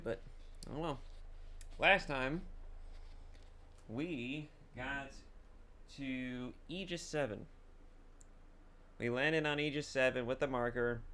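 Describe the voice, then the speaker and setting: Bright-voiced man, crude gameplay commentary. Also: medium pitch, clear, resonant tone. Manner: crude, swearing, sarcastic recaps. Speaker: gameplay streamer. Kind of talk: casual let's play commentary.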